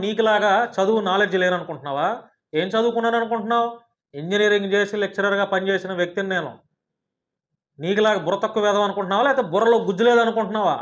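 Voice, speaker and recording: Combative high-voiced man ranting fast. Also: fairly bright tone, highs cut off. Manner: combative, heated, rapid-fire rhetorical questions. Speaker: journalist and YouTuber. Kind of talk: angry rant at a critic.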